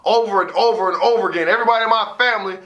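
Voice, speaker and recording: An American man, a motivational storyteller and student athlete advisor, tells a personal story theatrically, using emphatic repetition and acting out dialogue. His voice is high-pitched and a bit bright, he talks very fast, and the recording sounds lo-fi.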